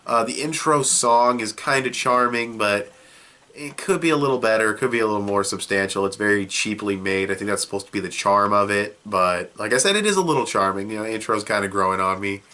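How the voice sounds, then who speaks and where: Brisk, fairly low, pushed and bright, the young man's voice carries through a casual video review of a show. He has a cold and sniffles, and he rambles offhandedly with many fillers and restarts.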